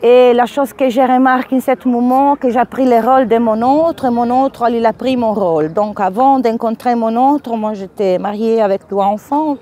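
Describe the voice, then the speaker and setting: Softly mellow woman, foreign accent in French. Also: a little high. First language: not French. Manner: halting, searching for words. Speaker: spiritual vlogger and energy healer. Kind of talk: informal spiritual monologue.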